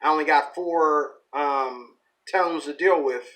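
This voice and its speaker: This is a channel host teaching ukulele informally, talking and playing while thinking aloud, rambling folksily and correcting himself as he goes, with strumming in the background. The man's voice is a little high, slow and a bit bright, and the audio quality is poor.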